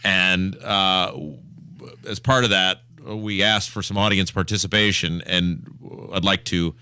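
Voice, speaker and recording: Bright, forceful low-voiced male radio host. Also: flat delivery, a little slow, clean tone, dry recording. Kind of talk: radio talk and host-read ads.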